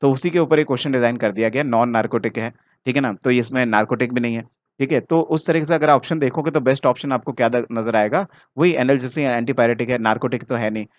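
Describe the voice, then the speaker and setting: A man's voice: medium pitch, fast, no room sound. A man with an Indian accent, teaching chemistry and working through exam solutions step by step, mixing English terms into his speech and often checking in with the student. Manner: talks directly to the student, often checking "ठीक है ना". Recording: dry, slightly dull mic sound.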